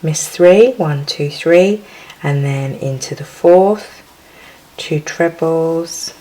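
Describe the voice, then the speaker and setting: A woman with a low, unhurried voice, talking through a crochet tutorial. She chats and giggles between stitch counts, easygoing and homely. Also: warm tone, rough recording.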